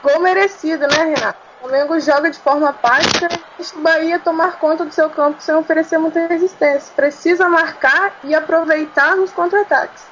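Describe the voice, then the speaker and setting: A woman's voice: sits high, fairly even intonation, brisk, fairly bright tone. A woman with a Brazilian accent giving live radio analysis of a football match. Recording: dull lo-fi feed, faint noise.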